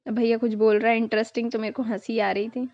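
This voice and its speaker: A woman's voice: on the high side, little pitch movement, quick pace, no echo, lo-fi sound. A young woman vlogger narrating her family's festival video in a casual, chatty way, dropping in English words now and then.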